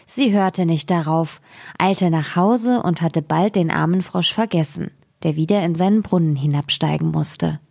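A woman storyteller reading a classic fairy tale aloud. Her voice sits slightly low for a woman. She reads at a measured pace with gentle expression. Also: creaky.

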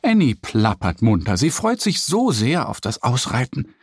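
A man narrating a children's story in a slow, lively, slightly husky voice. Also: medium pitch, no room sound, studio quality.

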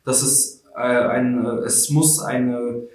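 Here the same young Ukrainian creator, eighteen, speaks extremely slowly in a mid-range, darkish voice with little pitch movement, and the room is echoey. He answers interview questions in a relaxed but hesitant way, full of fillers and false starts.

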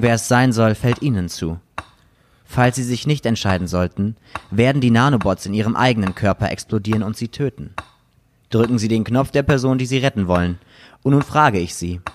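A man's voice: on the low side, a little hiss or hum, natural voice. A man voicing a cold sinister game master. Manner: solemn, measured pronouncements. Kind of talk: scripted villain narration.

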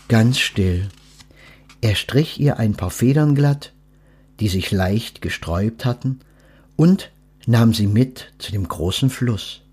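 Slow, husky male storyteller. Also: fairly low pitch. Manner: thoughtful, gently instructive. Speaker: podcast host, storyteller. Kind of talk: reading a children's story aloud, then reflecting.

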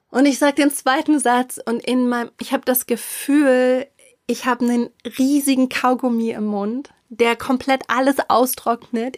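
A middle-aged woman with a fairly high voice tells a personal story with feeling. She speaks haltingly, restarting sentences and often sinking into a whisper to stress a point. The recording is dry and close, with no room sound. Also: dry recording. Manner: emotional, often drops to a whisper for emphasis; halting, with many fillers and restarts.

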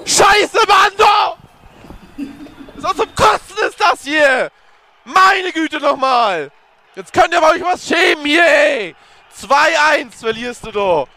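A man's voice: very high-pitched, expressive, slow, pushed and bright, raised voice. A man screaming and cursing furiously as he commentates on football for fan radio. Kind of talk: angry outburst in live football commentary.

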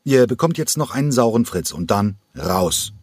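A man reading aloud voices a proud taverna owner with a raised, emphatic voice. He scolds with force and lays out his points firmly. The audiobook sound is dry and close, the voice a bit husky. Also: medium pitch, sing-song, moderate pace, darkish tone, no room sound, pitched above the performer's own voice. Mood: indignant. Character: Greek taverna owner, middle-aged man, proud and hot-tempered. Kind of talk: audiobook character voice.

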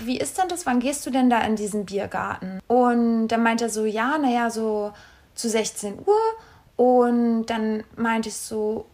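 Young woman, podcast co-host, high-pitched, chatty storyteller. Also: a little slow. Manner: animated retelling with quoted dialogue, many fillers. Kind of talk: casual chat, storytelling.

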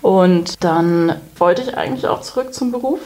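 A woman in her thirties, a guest in a relaxed interview, telling her story openly and candidly with frequent restarts. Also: lowish voice, normal speed. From Germany. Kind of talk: conversational interview.

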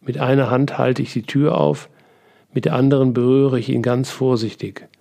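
A man reading a first-person memoir aloud in a calm, reflective manner, as the narrator of a book podcast. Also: medium pitch, normal speed, creaky. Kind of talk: audiobook reading.

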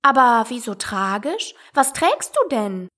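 A woman's voice: a little high, very animated, unhurried, a bit bright, exaggerated voice. A woman voicing a curious, polite young girl who talks eagerly and earnestly.

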